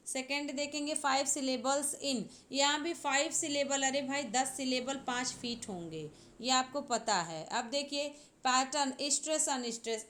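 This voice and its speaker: A woman teacher works through exam questions in an unhurried way. She goes step by step and keeps checking that her students follow. Her voice sits high. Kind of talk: exam-prep literature lesson.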